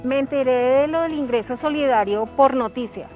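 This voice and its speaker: A woman's voice: high-pitched, normal speed. A Colombian woman speaking plainly and gratefully in a testimonial video. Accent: Colombian Spanish. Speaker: program beneficiary in a testimonial video. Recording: lo-fi with music underneath. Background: music.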